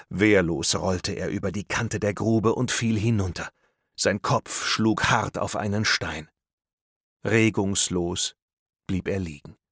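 A man reading a thriller audiobook aloud in a tense, measured storytelling manner. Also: low-pitched, fairly bright tone, no echo, clean studio sound. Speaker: audiobook narrator. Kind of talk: scripted narration of a thriller.

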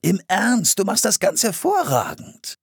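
A man's voice: medium pitch, very animated, moderate pace, husky, dry recording, clean studio sound, pitched above the performer's own voice. Man doing an eager playwright. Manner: enthusiastic, coaxing. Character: excitable adult male playwright, eager and persuasive.

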